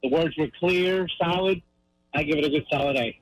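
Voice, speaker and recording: A man calling in to a radio show with a fairly high voice, upbeat and plainspoken. The sound is dry. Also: brisk, no echo, rough recording. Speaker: call-in judge.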